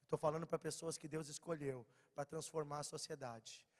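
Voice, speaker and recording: A Brazilian man with a slight cold, preaching a lively storytelling sermon to young people, swinging from loud bursts to quiet low lines. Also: fairly quick. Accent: Brazilian Portuguese. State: slightly hoarse, has a cold. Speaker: preacher at a youth meeting. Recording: long church-hall reverb.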